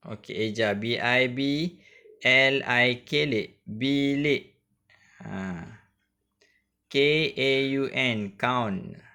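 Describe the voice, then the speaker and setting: Slow patient male teacher spelling syllables. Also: mid-range voice, pushed and bright. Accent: Malaysian Malay. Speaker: primary school teacher. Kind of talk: online reading and spelling lesson.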